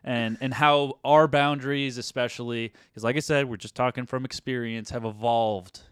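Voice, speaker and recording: A man's voice: mid-range voice, fairly even intonation, normal speed, fairly bright tone, clean tone, no room sound, clean studio sound. A man co-hosting a casual podcast, rambling and often restarting his sentences. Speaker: podcast co-host. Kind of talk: casual chat.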